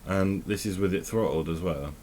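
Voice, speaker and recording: A man talks through his gameplay in a deep, low voice, thinking aloud and correcting himself as he goes. A faint hiss sits under the recording. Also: normal speed, a little mellow. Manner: rambling, self-correcting, thinking aloud while playing. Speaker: tech vlogger. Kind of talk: casual gameplay commentary.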